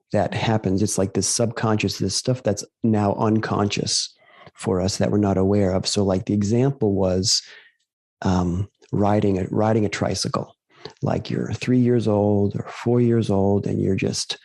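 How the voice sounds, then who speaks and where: A man's voice: on the low side, vocal fry, a little mellow, dry recording. A man guiding a meditation series, talking casually and rambling with many fillers and restarts. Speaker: meditation guide. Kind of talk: casual spoken reflection.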